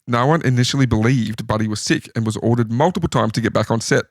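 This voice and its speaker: A man's voice: mid-range voice, quick pace, dry recording, studio quality. Australian man telling film trivia. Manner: storytelling, recounting trivia from notes. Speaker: podcast co-host. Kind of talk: casual chat.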